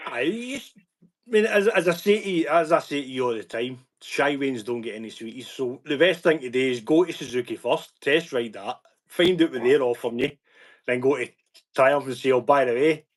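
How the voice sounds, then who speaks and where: A Scottish man from Glasgow, hosting his channel's live stream, chats loosely in a stop-start way, repeating words. His voice is medium-pitched and a little fast.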